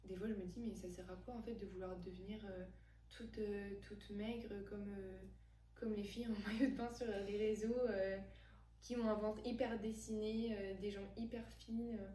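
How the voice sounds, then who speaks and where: A young woman in her twenties talks as a podcast guest, thoughtful and hesitant, pausing on fillers. Her voice stays flat and mellow. She is some distance from the mic in an echoey room with a faint hum behind her. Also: mid-range voice. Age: 20s. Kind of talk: casual conversation.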